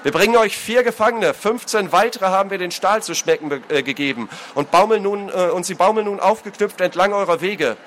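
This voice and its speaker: A man's voice: high-pitched, brisk, hardly any pauses, fairly bright tone, slight background noise, voice pushed up. A man voicing an eager, boastful male mercenary who proudly announces his deeds.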